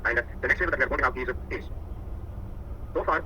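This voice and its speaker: Rapid, bright man teaching over a video call. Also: mid-range voice, slight background noise, rough recording. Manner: repetitive, often checks if students follow. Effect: heard over a video call. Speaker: instructor. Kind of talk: online class lecture. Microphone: computer mic on a video call.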